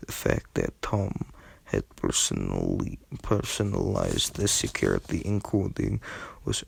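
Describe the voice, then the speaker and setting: A man with a Russian accent reading a novel aloud in a gravelly, husky voice, haltingly, with stumbles and repeated words. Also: low-pitched, a bit bright, dry recording. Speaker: reader. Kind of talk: amateur audiobook narration of science fiction novel.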